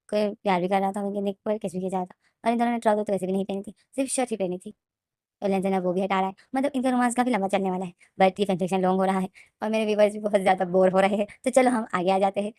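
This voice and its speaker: A woman telling her own fan story in a casual, run-on way, piling one clause onto the next. She talks quickly, and the sound is dry and close, with no room around it. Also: medium pitch, fairly even intonation, mellow, no room sound. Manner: rapid and run-on, with many restarts. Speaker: fan-fiction narrator.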